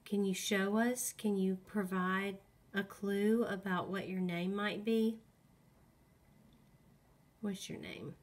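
A woman talking to a ghost in a coaxing, soothing way, asking gentle questions in a slightly husky voice that often drops toward a whisper. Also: mid-range voice, steady tone, slow, long pauses. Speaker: paranormal investigator running a spirit session.

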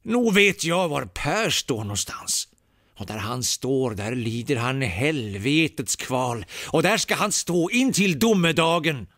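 A man voicing a merciless old sorcerer priest in a spoken ghost story, loud and slow. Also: mid-range voice, animated, no echo, studio quality, pitched above the performer's own voice. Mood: grim.

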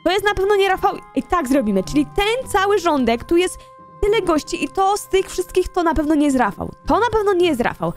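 A young woman with a high, light voice talks her way through a video game, thinking aloud and chatting with her co-player. Soft music runs faintly underneath her casual commentary. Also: big pitch swings, a little fast. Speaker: gaming YouTuber.

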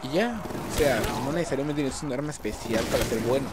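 A man's voice: medium pitch, fast talker. A young man with a Mexican accent giving casual gameplay commentary, swearing and rambling through stories. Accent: Mexican Spanish. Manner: crude, swearing, rambling storytelling. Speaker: gamer. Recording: loud background noise.

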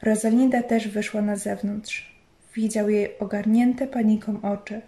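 A woman narrating a story in a measured, storytelling manner. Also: mid-range voice, flat delivery, mellow. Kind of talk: scripted narration. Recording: roomy echo.

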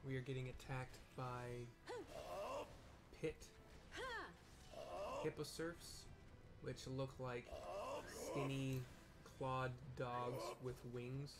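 A middle-aged game streamer gives a casual, halting play-by-play, describing aloud what's happening in the game as he plays. His medium-pitched voice barely moves in pitch, and loud game music sits behind it.

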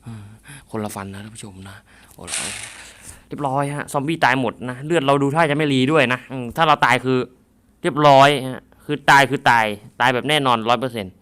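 A man giving playful, jokey commentary on a mobile zombie game, bursting into shouts and mock samurai lines. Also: medium pitch, brisk, clean tone.

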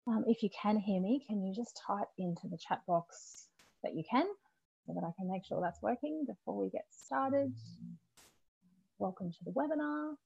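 A woman, a family lawyer, hosting a live webinar in a chatty, friendly way, her voice a little croaky. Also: mid-range voice, normal speed, mellow, no room sound, dull audio. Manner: chatty, friendly, greets attendees by name.

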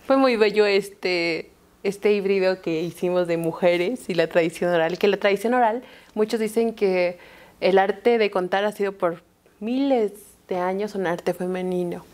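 A woman host closes the program with thankful remarks. Her voice sits at a mid pitch. She speaks to the audience at the end of a storytelling broadcast. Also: unhurried, darkish tone. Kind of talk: program sign-off.

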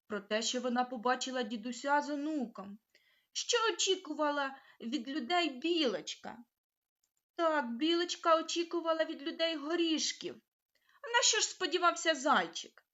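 A woman teaching young children a phonics lesson, sounding out letters slowly and asking them questions. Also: very high voice, fairly bright tone, dull audio. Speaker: primary school teacher.

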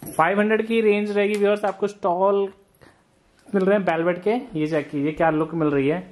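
A woman's voice: mid-range voice, fairly even intonation, fairly quick, darkish tone. A woman co-presenting in a showroom, upbeat and urging viewers to order. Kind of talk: product showcase.

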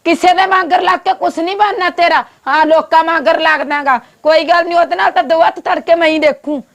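A woman's voice: very high voice, fairly even intonation. Scolding woman. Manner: scolding, fast protesting. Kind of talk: comedy short film acting.

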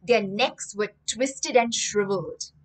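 In a room lined with bookshelves, a young adult English teacher tells children a story as a vocabulary lesson, emphatically repeating words with synonyms. Her mid-range voice takes its time.

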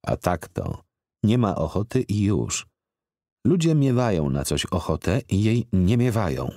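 Guy playing a blunt reserved middle-aged man, deep and curt, dry close sound. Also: sing-song, unhurried, dark tone, dry recording, heavily acted.

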